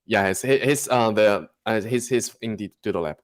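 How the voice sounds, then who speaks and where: A man from Taiwan with a Taiwanese accent and a lowish voice speaks haltingly, searching for words, as a guest artist in a casual interview.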